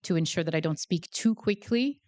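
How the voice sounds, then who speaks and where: In front of a live lecture-hall audience, a Canadian woman delivers a guest academic talk through a handheld mic. Her lowish, darkish voice moves fairly quickly with lively intonation, and her chatty, self-mocking delivery is full of fillers.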